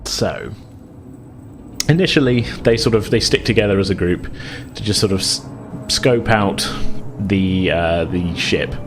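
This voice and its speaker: Unhurried and lowish-voiced, this game master narrates in a casual, explanatory way, hesitating as he works out his sentences and chuckling now and then. Music plays in the background.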